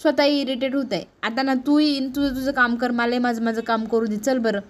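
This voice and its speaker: A woman's voice: fairly high pitch, fairly even intonation, brisk, natural voice. A woman voicing an irritable, sleepy young wife who snaps in exasperation and begs to be left to sleep. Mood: irritated. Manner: snappish, exasperated, pleading for sleep.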